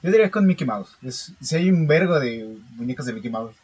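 A young Mexican man in a casual chat with friends. His voice is husky and a bit rough, and he slips in dry, joking asides. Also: medium pitch, animated, a little fast, a little mellow.

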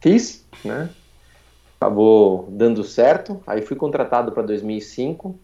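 A Brazilian man in his forties, a former racing driver telling his story as a podcast guest, talking quickly through a nearly closed mouth with little intonation. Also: lowish voice, lively intonation, dark tone. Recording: dull lo-fi sound.

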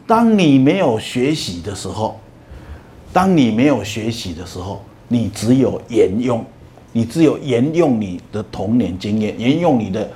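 A man's voice: medium pitch, dark tone. A middle-aged man giving a university lecture, telling stories and stretching out "ah" and "oh" fillers. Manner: storytelling, many drawn-out "ah" and "oh" fillers.

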